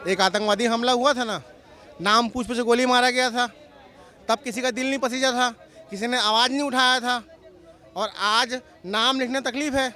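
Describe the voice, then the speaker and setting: A man's voice: very high-pitched, fairly even intonation, normal speed, bright, forceful tone, some chatter behind. A man outdoors in a street interview, arguing his point and appealing to listeners. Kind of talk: heated street vox pop.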